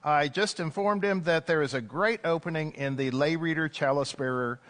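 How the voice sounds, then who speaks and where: A man preaching a sermon as an Anglican priest at a pulpit microphone in church, in a conversational way with gentle jokes and "uh" fillers. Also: on the high side, moderate pace.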